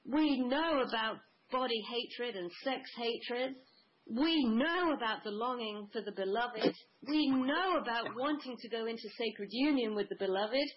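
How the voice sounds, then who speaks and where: A woman's voice: fairly high pitch, a little slow, dull audio, slight background noise. A woman guest in a spiritual conversation, speaking in a flowing, mystical way, piling up long lists.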